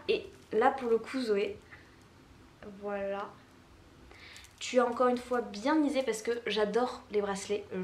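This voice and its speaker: A woman's voice: medium pitch, slight background noise. A young woman from France chatting casually as she unboxes gifts, gushing and exclaiming often. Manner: gushing, excitable, quick exclamations. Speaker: book vlogger. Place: bedroom. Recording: echoey home room.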